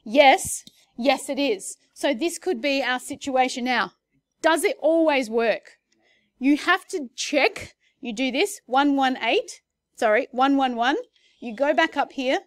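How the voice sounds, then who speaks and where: Woman teaching a class, slightly high voice, chatty and self-correcting, recorded dry. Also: slow, no echo. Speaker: maths teacher. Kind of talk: classroom lesson.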